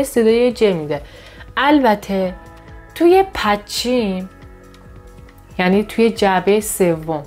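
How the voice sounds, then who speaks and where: A woman teaches a pronunciation lesson in a patient, step-by-step way. She pauses to pronounce each example word carefully, often a bit higher and brighter than her explaining voice. Soft music plays faintly behind her. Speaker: Korean language teacher.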